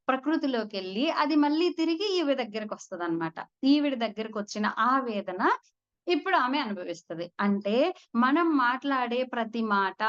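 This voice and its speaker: A woman teaches spiritual lessons through old stories, chatting with listeners she calls friends. Her voice sits a little high. The recording sounds dull and muffled. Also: a bit bright. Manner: conversational, addresses listeners as friends. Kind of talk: storytelling spiritual talk.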